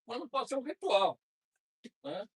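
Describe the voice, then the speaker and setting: A middle-aged Brazilian man lecturing at a spiritist center in a conversational way, slowing down to read prayers aloud. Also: extremely high pitch, animated, creaky, a bit bright, husky, poor audio. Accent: Brazilian Portuguese. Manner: conversational, frequent tag questions, slows to read prayers. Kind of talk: informal spiritist talk.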